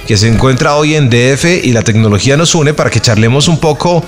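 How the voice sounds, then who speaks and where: A man hosting a travel podcast interview, talking thoughtfully and pausing with filler sounds while he searches for words. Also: medium pitch, soft background music. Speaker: podcast host. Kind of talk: conversational interview.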